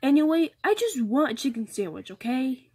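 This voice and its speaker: A woman's voice: high-pitched, big pitch swings, normal speed, a little mellow, slightly rough, heavily acted. A woman voicing a grumpy male toy customer who pretends to be Italian in a doll play, impatient and blustering.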